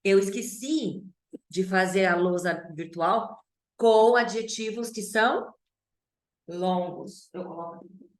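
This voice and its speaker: Slow-talking woman teaching English. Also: medium pitch, echoey room. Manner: chatty, playful, mixes Portuguese with English. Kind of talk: online English class.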